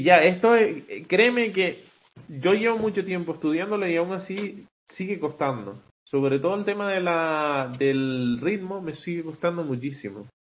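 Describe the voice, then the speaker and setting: A man's voice: on the high side, dull audio. A man teaching English poetic meter in an online class, talking conversationally and checking in with frequent rhetorical "vale", with some hesitant restarts.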